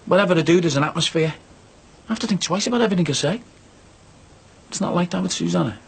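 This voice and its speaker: A man's voice: sits high, quick pace, creaky, husky, exaggerated voice. A man playing a defensive married builder in a naturalistic soap drama, pleading his case with indignant self-justification. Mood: aggrieved. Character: defensive married builder, son, confessing an affair.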